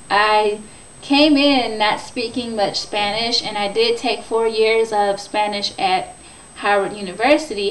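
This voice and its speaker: A woman's voice: medium pitch, a little hiss or hum. A woman in her twenties from Ohio, explaining her volunteer work in an earnest, informal way with some fillers. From Ohio, USA. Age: 20s. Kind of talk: casual self-introduction video. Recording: echoey room, mic at a distance.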